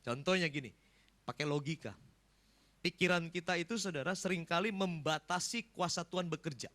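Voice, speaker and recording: A male pastor preaches a sermon in an animated way, breaking into sudden loud bursts and often addressing the congregation. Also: on the high side, fairly quick.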